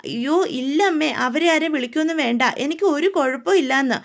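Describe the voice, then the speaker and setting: A woman's voice: sits high, brisk. A woman voicing a frightened young woman who hides secrets and pleads anxiously. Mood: denying.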